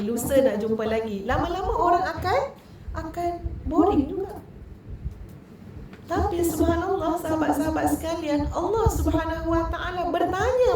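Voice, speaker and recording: High-voiced Malaysian woman preaching in an echoey hall. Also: slight background noise. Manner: lively and conversational, questioning the audience. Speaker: female religious teacher. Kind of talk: religious talk to a women's audience. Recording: echoey hall, distant mic.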